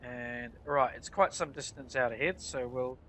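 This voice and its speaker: A man explains his flight sim play in a casual commentary style. His voice is bright and forward, with a clearly nasal, congested tone from a cold. The pitch sits in an ordinary middle range for a man. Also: normal speed, a little hiss or hum. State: blocked nose from a cold. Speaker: flight sim player narrating a tutorial.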